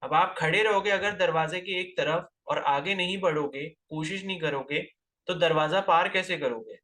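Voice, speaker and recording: A man's voice: fairly high pitch, normal speed, bright, forceful tone. A man teaching a physics class, lecturing and scolding his students with rhetorical questions, terms into his speech.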